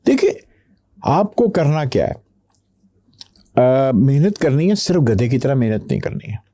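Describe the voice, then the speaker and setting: A middle-aged man from Pakistan, a company CEO, answering interview questions slowly, pausing to think before he speaks. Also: mid-range voice, sing-song, dark tone, no echo, studio quality. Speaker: guest, tech company CEO. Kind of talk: podcast interview.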